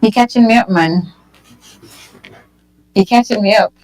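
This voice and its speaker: A woman's voice: mid-range voice, a little slow, darkish tone, low-quality recording. A woman guest who is a personal trainer, chatting casually and often repeating words as she talks. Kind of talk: casual chat.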